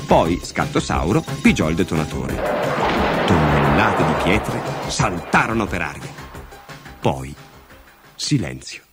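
A man narrating a children's story with an expressive, dramatic reading. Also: sits low, takes it slowly, pauses often. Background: music.

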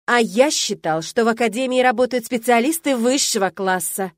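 A woman's voice: medium pitch, animated, normal speed, darkish tone, dry recording, lightly acted. A stern, tired man who runs a magic academy, read by a woman narrator for a fantasy audiobook. He barks orders and lectures in a commanding tone. The sound is dry and close. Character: weary, stern male academy rector.

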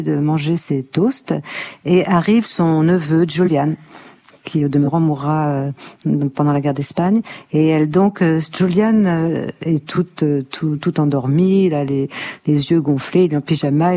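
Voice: mid-range voice, dark tone. A guest on a radio program, discussing literature with enthusiasm and often stopping to search for words. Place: radio studio.

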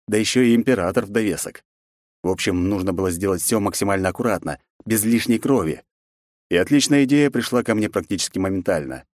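A man's voice: lowish voice, darkish tone, dry recording, studio quality. A man narrating a first-person fantasy audiobook in a wry, sardonic way.

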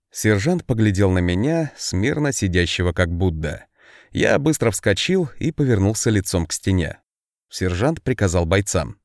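A male audiobook narrator with a low voice and animated, swinging intonation. He tells the story expressively in scripted narration. The recording is dry, with no room sound. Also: dry recording.

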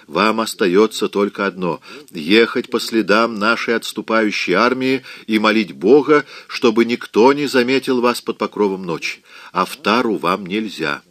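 A self-assured, blunt man, as a male reader plays him in an audiobook, firm and commanding in a lowish voice. The sound is dry and close. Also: a bit bright, no echo. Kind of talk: audiobook reading.

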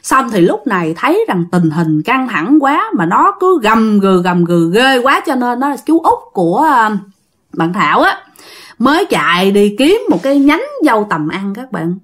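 A woman's voice: fairly high pitch, measured pace. A woman with a Southern Vietnamese accent telling a ghost story, talking straight to her listeners. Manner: animated, addresses listeners directly.

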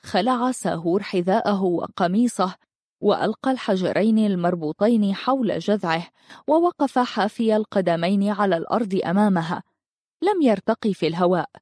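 Warm-voiced woman narrating a story. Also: medium pitch, dry recording, studio quality. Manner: steady, measured reading.

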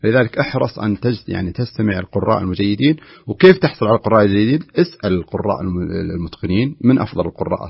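Gravelly fast-talking recitation teacher, man. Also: on the low side, animated, dry recording, muffled recording. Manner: corrective, demonstrates recitation aloud. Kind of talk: on-air recitation coaching.

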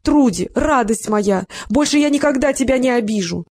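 A reader doing a loud jealous husband. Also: medium pitch, a little fast, voice pushed up, lightly acted. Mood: begging. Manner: loud and pleading, emotional. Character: jealous hot-tempered husband pleading with wife.

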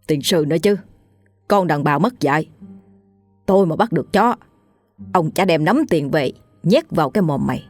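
A woman's voice: low voice, expressive, a little mellow, faint music behind. Woman doing a crude, brash dog thief. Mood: scornful. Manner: coarse, swaggering, fast.

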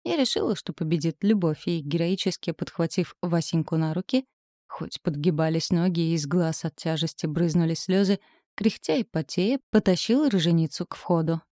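A woman reads a first-person comic audiobook in a lively, storytelling manner. Her voice sits low and warm. The recording is dry and close. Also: moderate pace, dry recording. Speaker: audiobook narrator.

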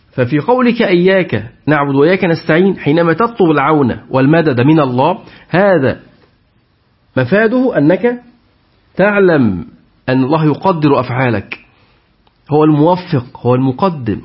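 Male teacher, tafsir lesson, quizzes students, higher voice, dull recording. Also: animated, moderate pace, long pauses. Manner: asks the class questions and repeats their answers. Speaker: Quran teacher.

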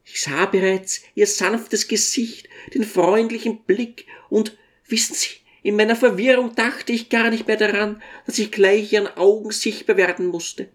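A tiny old dwarf, humble and devoted, recounting his memories with quiet courtesy , voiced by an audiobook reader. His speech is gentle and deferential, at a middling pitch. It is unhurried, storybook-style narration. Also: steady tone, natural voice. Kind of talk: audiobook character reading.

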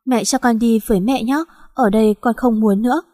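A woman's voice: fairly high pitch, fairly quick, warm tone, no room sound, clean studio sound, long reverb tail, lightly acted. A woman voicing a heartbroken young woman in despair, tearful and pleading. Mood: grieving.

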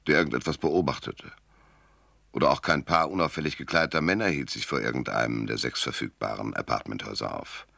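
This is a male actor in a German noir radio drama, narrating as a world-weary private detective of few words, dry, sardonic and gravelly. His voice is very deep and sharp, fully in character, and there is no echo.

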